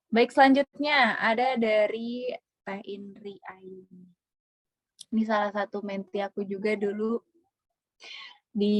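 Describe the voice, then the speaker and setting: A woman hosts a casual religious talk session, chatty and warm, sprinkling Arabic praise phrases and soft laughs. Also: medium pitch, vocal fry, no echo, muffled recording. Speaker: host of an Islamic talk session.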